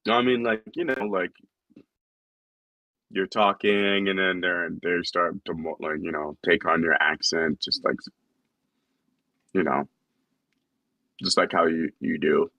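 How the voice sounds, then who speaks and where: Low-voiced man, dry close chat. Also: steady tone, measured pace, creaky, pauses often, bright, forceful tone, no room sound, dull audio. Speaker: podcast co-host. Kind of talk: casual chat.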